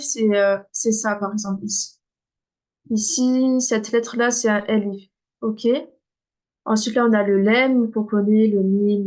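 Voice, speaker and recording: A woman teaching beginners to read Arabic, patiently repeating words slowly and checking in with "ok?". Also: on the high side, a little mellow. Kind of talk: beginner lesson.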